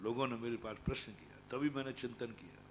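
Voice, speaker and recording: A man, a Jain monk, giving a sermon as emphatic storytelling that swings between hushed and loud. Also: medium pitch, steady tone, fairly quick, slight background noise.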